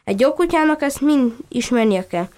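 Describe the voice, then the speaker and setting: A woman's voice: high-pitched, animated, a little mellow. A woman voicing a curious, proud male puppy who explains things patiently and earnestly.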